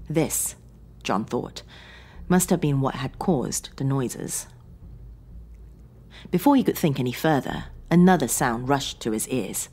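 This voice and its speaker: A woman's voice: rumbling low, darkish tone, breathy edge. A woman narrating a scripted horror story in a dramatic, suspenseful reading.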